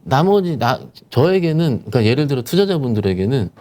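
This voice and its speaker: A man talks through the stock market with a lively, swooping voice, pressing his points with rhetorical questions. His tone is dark and mellow. He sounds like a securities professional giving a guest commentary. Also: mid-range voice, brisk. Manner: animated, emphatic explanation with rhetorical questions. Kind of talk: explaining stock market conditions.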